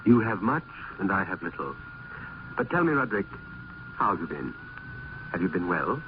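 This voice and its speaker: A man playing a weary, foreboding gentleman poet in a gothic radio drama, with formal, literary speech. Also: deep voice, very animated, moderate pace, noisy background. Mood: concerned. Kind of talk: old-time gothic radio drama acting. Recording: muffled vintage radio recording, loud music.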